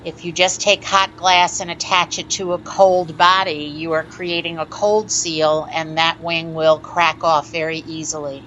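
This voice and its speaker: A woman talks through a hands-on glassworking demonstration in a calm, methodical teaching voice. Her voice sits a little low, and the recording is slightly muffled, with a faint hiss underneath. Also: measured pace, few pauses. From United States. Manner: calm, instructive, methodical explanations. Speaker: glass artist teaching a lampworking demo. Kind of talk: step-by-step tutorial narration.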